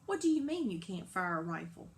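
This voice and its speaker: A woman voicing a stern middle-aged male farmer who yells, forceful and loud. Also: on the low side, level tone, moderate pace, gravelly. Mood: angry. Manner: yelling, forceful.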